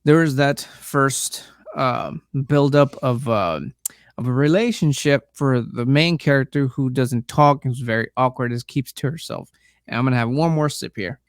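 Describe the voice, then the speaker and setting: A man hosting a podcast, casually recapping a horror film in a rambling, halting way, full of fillers, restarts and the odd swear word. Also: medium pitch, no room sound, studio quality. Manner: profane, laid-back. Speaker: podcast host reviewing a film.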